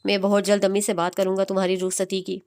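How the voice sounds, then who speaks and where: Woman doing a possessive proud young man, stern, commanding, smooth voice, storybook. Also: medium pitch, completely flat delivery, fast talker, darkish tone, close to an everyday voice.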